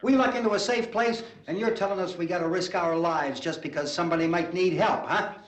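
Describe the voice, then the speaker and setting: A man's voice: high-pitched, brisk, lightly acted. An actor playing a stubborn, frightened, abrasive middle-aged family man arguing insistently in a 1960s horror film. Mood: angry insistence. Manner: argumentative, insistent, agitated. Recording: echoey old film sound, distant mic.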